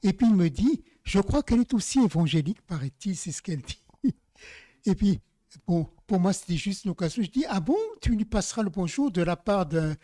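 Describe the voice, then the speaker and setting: A man from Madagascar preaching an informal sermon in a chatty storytelling style, speaking straight to his listeners and slowing down for the key phrases. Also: high-pitched, animated, dark tone, no echo. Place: church service.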